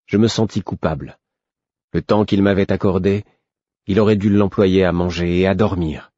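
A man reading a novel aloud in calm first-person narration. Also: low-pitched, normal speed, no room sound, highs cut off. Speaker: audiobook narrator.

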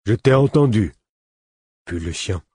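A man's voice: fairly low pitch, animated, unhurried, mellow, husky, dry recording, studio quality, pitched above the performer's own voice. A man doing a sullen simple-minded servant. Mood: blunt, sullen. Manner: short blunt childlike sentences.

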